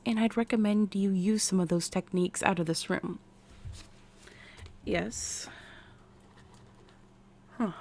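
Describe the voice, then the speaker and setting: The medium-pitched voice is that of an American woman in a chatty, intimate ASMR roleplay, occasionally whispering softly. She plays an eccentric, eager military scientist who acts as therapist, with a soothing, attentive mood.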